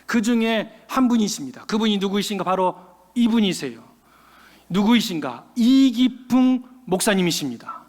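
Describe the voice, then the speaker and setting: A man's voice: sits high, animated, moderate pace, darkish tone, in a large hall. A male pastor preaching a storytelling sermon, asking the congregation questions and answering them himself. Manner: storytelling sermon, acting out quoted voices. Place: church sanctuary.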